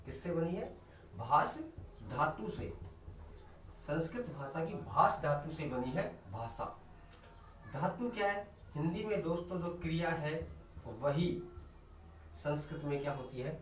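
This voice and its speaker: A man from India teaches a Hindi class online, asking his students questions, answering them himself and repeating key terms. His voice is a little high with lively intonation, and he slows right down to stress definitions. He's recorded from a distance in an echoey room with slight background noise.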